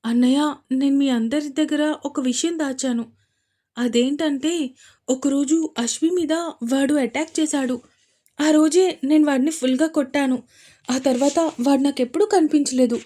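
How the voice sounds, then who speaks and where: A woman's voice: fairly even intonation, measured pace, mellow. A woman voicing an anxious, guilty young sister confessing to her older brother. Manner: pleading, higher and breathless confession.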